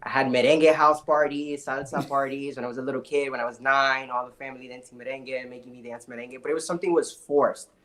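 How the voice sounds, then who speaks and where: A young man from the Dominican Republic, telling his life story as a podcast guest in an energetic, emphatic way. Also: medium pitch, fast talker, few pauses. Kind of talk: casual interview storytelling.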